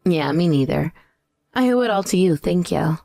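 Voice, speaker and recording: A woman's voice: lowish voice, lively intonation, moderate pace, vocal fry, warm tone, no echo. A woman playing a cool, scornful wife out for revenge in a dramatized story. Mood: pleased. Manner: taunting, cool. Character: scornful, vengeful pregnant ex-wife, coolly triumphant. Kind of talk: dramatized story dialogue and narration.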